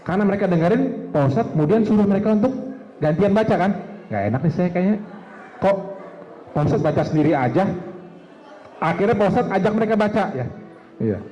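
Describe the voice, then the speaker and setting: A man's voice: high voice, animated, quick pace, pauses often, mellow, muffled recording. A male preacher in a mosque, telling a story to students with quoted dialogue and questions to the room. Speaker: ustadz preacher. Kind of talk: lively religious talk to students.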